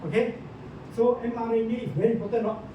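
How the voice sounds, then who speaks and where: A man's voice: flat delivery, fast talker. A man giving an informal lecture to a small group, constantly asking the listeners questions and filling gaps with "ah" and "uh". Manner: keeps quizzing listeners with questions, many "ah" and "uh" fillers. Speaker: presenter. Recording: echoey room, distant mic, dull sound, rumbling noise.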